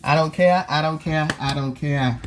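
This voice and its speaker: A woman's voice: low voice, normal speed, noisy background. A woman with a stuffy, nasal voice from a cold, chatting casually to viewers as she cooks in her home kitchen. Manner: chatty, talks straight to viewers while cooking. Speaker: cooking vlog host. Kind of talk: casual cooking chat.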